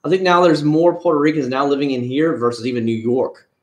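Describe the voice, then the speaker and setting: A man's voice: on the high side, steady tone, fairly quick. A man from Florida chatting casually on a livestream, rambling and retelling his conversations. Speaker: livestream host. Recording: echoey room.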